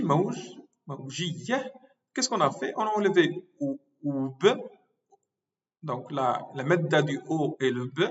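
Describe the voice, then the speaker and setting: A male professor giving a recorded lecture, slowly repeating and spelling out terms. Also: a little high. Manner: slow, repeats words and spells them out syllable by syllable. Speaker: medical school professor. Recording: distant mic, dull lo-fi sound.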